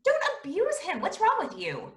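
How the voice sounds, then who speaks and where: A woman's voice: extremely high pitch, wildly swooping pitch, normal speed, fairly bright tone, echoey room, far from the mic, exaggerated voice. A woman playing a sarcastic, exasperated female cop in a tabletop game. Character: stern young female cop.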